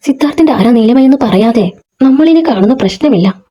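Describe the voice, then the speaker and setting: A woman voicing a jealous, sharp-tongued young woman in a storybook, curt and demanding. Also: a little high, expressive, brisk, husky, dull audio. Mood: angry.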